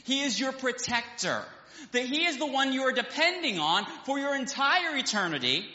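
A man's voice: extremely high pitch, big pitch swings, normal speed, bright, forceful tone. Guy preaching in church, reads old bible verses, kinda muffled roomy sound. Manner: preaching with rising fervor, quotes King James scripture. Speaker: pastor. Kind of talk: sermon. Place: church sanctuary. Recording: echoey hall, dull sound.

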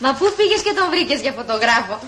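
An actress playing a jealous, hot-tempered wealthy wife in an old comedy film, exclaiming theatrically. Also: female voice, high-pitched, very animated, background noise. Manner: theatrical, exclaiming, quick to threats. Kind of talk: 1960s comedy film acting.

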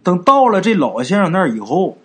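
A man's voice: high-pitched, very animated, a little fast, a bit bright, breathy edge. A man telling a folk ghost story in a chatty, conversational way, with asides to his online listeners.

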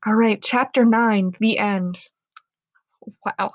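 A woman's voice: mid-range voice, fairly even intonation, slow pace, no room sound, highs cut off. A young woman reading her own book aloud, telling it dramatically and stopping now and then to comment on it with amusement. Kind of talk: casual reading aloud with asides.

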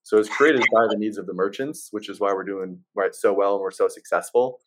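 Lowish male voice, laid-back sales guy explaining stuff on a podcast, casual chat. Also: brisk. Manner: easygoing, salesman-like explaining, says man and right often. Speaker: software sales rep as interview guest.

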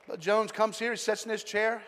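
Pastor, high-pitched man, swings from hushed to shouting, church with long echo. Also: flat delivery, fairly quick, noisy background. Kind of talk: Pentecostal sermon. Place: large church sanctuary. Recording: long hall reverb.

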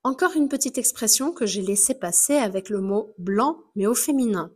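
A woman's voice: on the high side, expressive, normal speed, slightly rough. A woman hosting a language lesson podcast as a teacher. She speaks carefully and repeats words for listeners to copy. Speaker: French teacher and podcast host.

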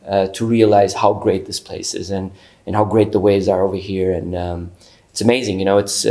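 A man from Portugal chats casually as an interview guest, easygoing and full of fillers and restarts. His voice is on the low side and a little mellow.

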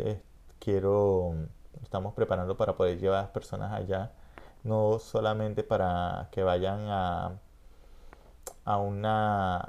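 Venezuelan male podcast host, middle-aged; low, gravelly, reflective talker. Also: warm tone. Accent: Venezuelan Spanish. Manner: reflective, rambling, frequent "¿entiendes?". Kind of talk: casual conversation.

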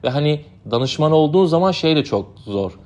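A man's voice: a little high, expressive, fairly quick, darkish tone. Young man, native Turkish speaker, casual rambling storytelling, many fillers. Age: young adult. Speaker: podcast host.

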